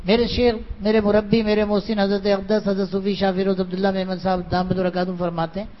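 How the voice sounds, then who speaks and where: A man's voice: sits high, flat delivery. A man giving a sermon to students, pressing them with rhetorical questions, quoting his spiritual guide, and raising his voice at times for emphasis. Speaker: religious teacher addressing students. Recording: dull lo-fi recording with faint background hiss.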